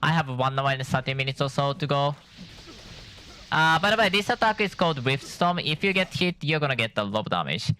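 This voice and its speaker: A man's voice: on the high side, sing-song, brisk, sharp tone, slight background noise. Tired man rambling over gameplay. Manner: rambling, thinking aloud with self-corrections. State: tired from lack of sleep. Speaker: gameplay streamer. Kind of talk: casual gameplay commentary.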